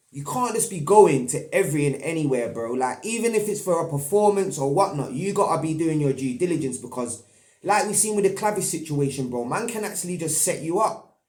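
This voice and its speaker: A man's voice: on the high side, darkish tone. A young man with a London roadman accent giving casual commentary as an online host, in heavy street slang peppered with tag questions. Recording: echoey, roomy sound.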